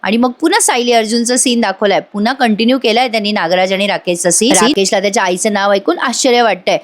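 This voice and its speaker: A woman's voice: medium pitch, fast talker. A woman giving a chatty voice-over recap of a TV serial episode and speaking directly to her viewers. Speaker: TV serial reviewer.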